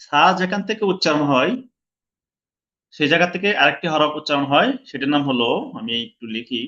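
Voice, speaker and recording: With a Bangladeshi Bengali accent, a male Quran recitation teacher patiently goes over how to pronounce letters in an online lesson, slowly repeating every sound and occasionally drawing it out in a chant. His slightly high voice has lively intonation and a sharp tone, though the highs are cut off in the audio.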